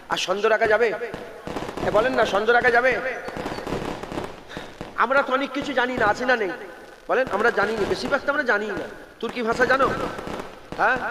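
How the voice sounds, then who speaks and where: High-voiced preacher shouting to a crowd. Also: male voice. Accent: Bengali. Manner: calls to the crowd for answers, chants Arabic verses. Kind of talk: sermon. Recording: echoey outdoor sound system with loud background noise.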